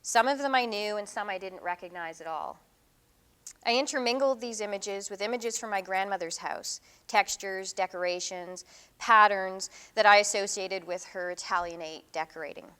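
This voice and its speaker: A middle-aged Canadian woman, a visiting artist, lectures about her own work, casual and thoughtful, with frequent ums and restarts. She speaks at a moderate pace and medium pitch in a bright, forceful, smooth voice.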